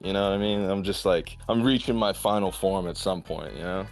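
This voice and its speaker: A man's voice: low-pitched, brisk, soft background music. A man in his twenties, a football player guest, chatting in a laid-back way over a video call and laughing often. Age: 20s. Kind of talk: casual chat.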